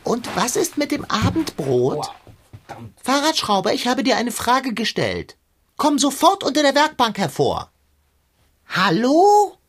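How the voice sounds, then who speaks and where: A plump, self-pitying glutton in a children's radio play, forever complaining of hunger in lofty, antiquated words. The voice is breathy and swings widely up and down, and she hams up the grand phrasing. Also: fairly high pitch, sing-song, measured pace, fairly bright tone, heavily acted. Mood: curious. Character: pompous, perpetually hungry plump male sidekick.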